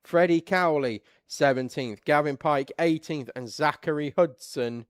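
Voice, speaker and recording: A man commentating live on a kart race, reading out the starting grid in a relaxed, steady list. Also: on the high side, a little slow, no room sound, clean studio sound.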